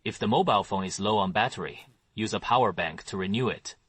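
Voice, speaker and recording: A man voicing a proud, fussy, doting Taoist master in an anime dub, giving animated, nagging instructions. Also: lowish voice, fast talker, breathy edge, no echo.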